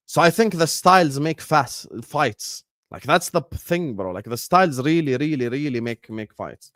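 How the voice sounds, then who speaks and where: With a fairly high-pitched voice, this Jordanian football channel host, a native Arabic speaker, argues his way through a live stream, repeating himself and using fillers like "you get me." The studio-quality audio carries no room sound.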